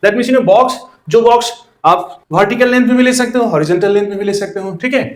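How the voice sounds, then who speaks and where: Male teacher with a high voice, explains step by step and slips English phrases into his lessons. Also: brisk, echoey room. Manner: explanatory, repeats "that means, you know" often. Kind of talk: classroom lecture.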